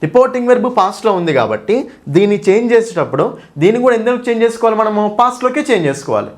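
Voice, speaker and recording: A man teaches an exam-prep lesson, slightly high-pitched and speaking at a rapid clip. He breaks each point down step by step and keeps pausing to ask his students questions. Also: very animated. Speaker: English teacher.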